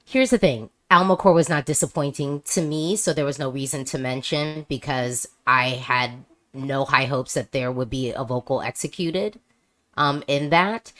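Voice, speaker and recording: A woman's voice: rumbling low, moderate pace, fairly bright tone. A woman hosting a casual video-call chat, talking emphatically with frequent restarts. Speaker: host.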